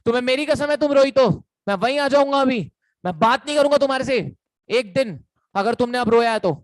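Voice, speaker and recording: A man voicing a young boyfriend who loudly and insistently pleads with his girlfriend on the phone, in a dry recording. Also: extremely high pitch, a little fast, dry recording. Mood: pleading.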